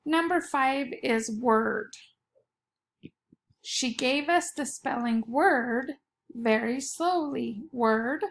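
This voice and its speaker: A woman teaching young pupils, giving spelling dictation in a fairly high voice with plenty of creak. She speaks at a slow pace, setting key words apart and repeating them with care. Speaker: elementary school teacher.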